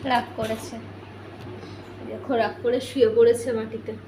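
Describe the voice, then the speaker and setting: A woman's voice: a little high, flat delivery, normal speed, dark tone, slight background noise. A woman filming her toddler at home, teasing and coaxing the child in a sing-song way. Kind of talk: casual home video talk to a small child. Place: room in a home. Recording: echoey room at home.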